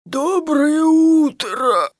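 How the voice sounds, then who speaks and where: Woman voicing an old grumbling basset hound. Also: big pitch swings, darkish tone, no room sound, studio quality. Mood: drowsy. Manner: grumbling, drawn-out. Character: old male basset hound, grumpy yet kindly. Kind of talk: storybook reading.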